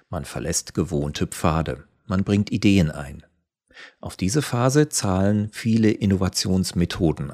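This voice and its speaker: A man giving a measured, scripted reading of a written essay. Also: sits low, a little mellow, dry recording, clean studio sound. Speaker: article reader.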